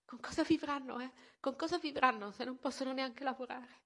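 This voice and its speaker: Una donna che legge la parte di Elena, una ragazza testarda che parla con foga alla madre. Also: female voice, mid-range voice, a little fast, lightly acted. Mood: distressed. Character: teenage girl, headstrong and defiant daughter.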